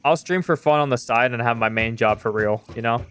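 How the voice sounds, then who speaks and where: A young man streams a game and chats casually with viewers, rambling loosely with plenty of fillers and offhand swearing. His mid-range voice is a bit bright and a little fast. Slight background noise is audible.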